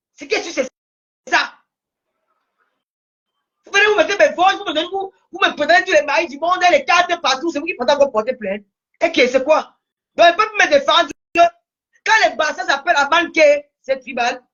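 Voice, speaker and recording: Angry Cameroonian woman ranting, high voice. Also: bright, forceful tone, lo-fi sound. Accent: Cameroonian French. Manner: heated, repetitive, scolding, voice breaking at times. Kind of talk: angry social media rant.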